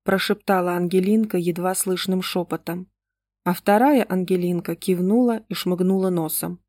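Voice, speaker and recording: A woman narrating a story in an even, measured reading. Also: on the low side, no echo. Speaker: audiobook narrator. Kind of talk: scripted narration.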